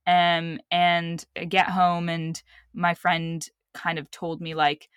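A young woman from the Middle East, born in Saudi Arabia and raised in Lebanon, speaks as a filmmaker guest, telling personal stories in a candid, rambling way with many restarts, correcting herself and acting out the voices she quotes. Her lowish voice is monotone and slow, with a fairly bright, clean tone. The recording is dry, with clean studio sound.

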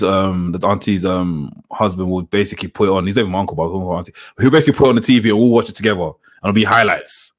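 Male co-host, lowish voice, loose conversational delivery that doubles back on phrases. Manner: repeats phrases for emphasis. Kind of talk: casual chat about wrestling on a live show.

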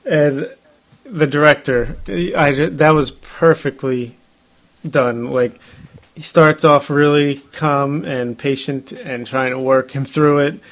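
A man's voice: on the high side, fairly even intonation, takes it slowly. A man casually discussing a movie with a friend, chatty, with frequent laughs and fillers. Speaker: movie review co-host.

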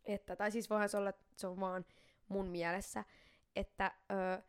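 A young woman co-hosting a casual podcast chat, talking quickly and running words together when she gets excited. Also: mid-range voice, smooth. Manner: talks fast, skips words when excited. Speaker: podcast co-host.

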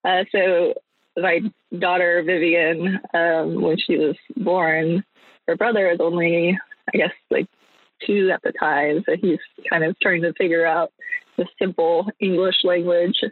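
A young adult woman, a small business owner appearing as an interview guest, chats casually and thinks aloud hesitantly. Her voice is on the low side, steady, a little slow and slightly rough. The sound is dry, with no echo, and comes over a thin, phone-like line.

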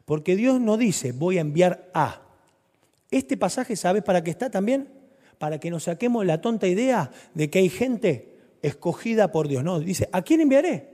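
A male preacher with a Rioplatense Spanish accent delivers his sermon unhurriedly in a high, lively voice that rises and falls. He shifts between loud, urgent lines and soft, low ones, and a long reverb makes his voice ring as in a church hall.

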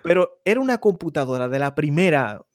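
A man's voice: fairly high pitch, very animated, fairly quick, dry recording. Guy co-hosting a podcast, tells long stories, keeps asking if you get him, dead dry mic. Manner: rambling storyteller, keeps asking "tú me entiendes". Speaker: podcast co-host. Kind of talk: casual chat.

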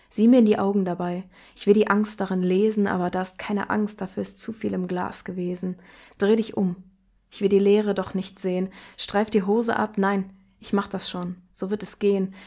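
A young woman hosting a book podcast, reading poetry excerpts and talking about books in a calm, earnest way. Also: medium pitch. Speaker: podcast host presenting books.

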